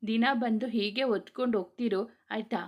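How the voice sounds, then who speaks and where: A woman's voice: on the high side, fairly even intonation, fairly quick, muffled recording, lightly acted. A woman voicing a young older brother who teases his sister. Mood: teasing. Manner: teasing.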